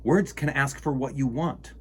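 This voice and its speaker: A husky mid-range voice belongs to a man reading a picture book on a children's storytime show at normal speed. He chats with young listeners directly, animated and theatrical, gasping and exclaiming playfully.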